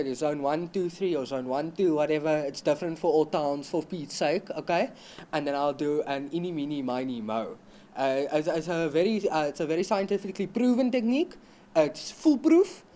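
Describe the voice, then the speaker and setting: A man playing a petty, bumbling power-cut official, halting and tripping over his words. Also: fairly high pitch, darkish tone, close to an everyday voice. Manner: halting, stumbling over words, broken grammar.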